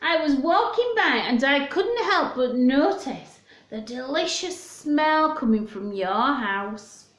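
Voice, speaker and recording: A woman's voice: high-pitched, lively intonation, takes it slowly, a bit bright, echoey room, exaggerated voice. A woman voicing a polite, hopeful female fox in a storybook, coaxing for a share of cake.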